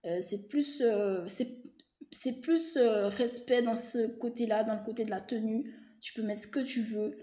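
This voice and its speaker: A woman's voice: a little high, measured pace, mellow. A woman vlogger talking casually to camera, hesitant and chatty, with lots of fillers and restarts. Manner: informal, reassuring asides. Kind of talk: casual explanatory monologue. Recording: roomy echo.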